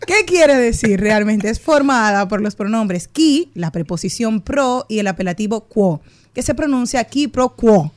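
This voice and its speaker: A woman's voice: a little high, animated, a little slow, darkish tone. A woman, a co-host who explains an expression on a talk show in a chatty, patient way. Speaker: co-host giving language segment.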